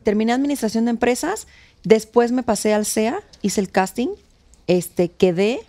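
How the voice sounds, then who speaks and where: Speaking at a moderate pace in a voice on the high side, this actress in her thirties, Cuban-born with a Mexico City Spanish accent, is a guest in a relaxed interview. She's a lively storyteller who acts out the quotes she relates.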